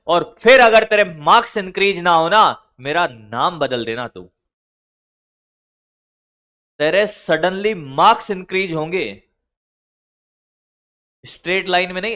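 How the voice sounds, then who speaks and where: Bright, forceful Hindi-speaking physics teacher. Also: male voice, high-pitched, clean tone. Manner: scolding, colloquial, addresses students as brother and son. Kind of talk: exam strategy lecture.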